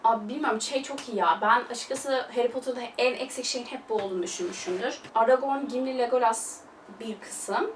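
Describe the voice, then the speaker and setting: A woman's voice: a little high, a little fast. Gushing young woman in a roomy space. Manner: gushing, chatty, loose filler-heavy talk. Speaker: film vlogger. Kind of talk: casual film review chat. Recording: roomy, distant mic, faint hiss.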